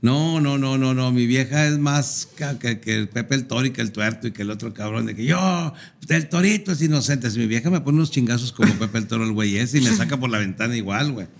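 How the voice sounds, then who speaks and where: A middle-aged man with a northern Mexican accent hosts a casual podcast chat. His voice sits at an everyday pitch, and he talks crude and slangy, always joking and laughing at his own stories. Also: brisk, creaky, hardly any pauses. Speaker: podcast host.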